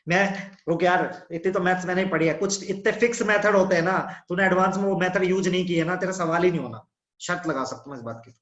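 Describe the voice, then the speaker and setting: A man's voice: high-pitched, fast talker, fairly bright tone, highs cut off. A man teaching chemistry in an online class from his room, in a blunt, teasing manner. His voice echoes as if in a cave. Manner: blunt, teasing, scolds students. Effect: echoing voice, like in a cave. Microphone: no earphones, device mic.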